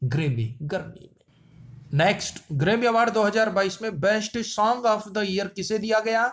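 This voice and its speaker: A man with a high voice runs through quiz answers, one after another. He ties each answer to a silly pun and repeats it so it sticks. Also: moderate pace. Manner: playful wordplay, repeats lines. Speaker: quiz teacher. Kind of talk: memory-trick quiz lesson.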